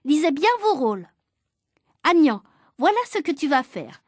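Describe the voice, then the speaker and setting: A woman's voice: sits high, very animated, a little slow, a little mellow, dry recording, clean studio sound. A woman voicing a stern, exasperated schoolteacher who gives firm, raised orders to her class. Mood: directing.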